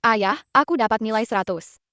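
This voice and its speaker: Brief: soft pleading young girl, voiced by an actress, slightly high, dry close sound. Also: fairly quick, no echo, lightly acted.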